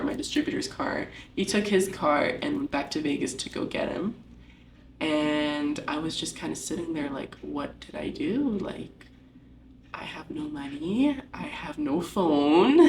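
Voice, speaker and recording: A woman's voice: low voice, roomy sound, recorded from a distance, a little hiss or hum. A young woman giving a casual personal testimony at church, telling her story with lots of "like" fillers.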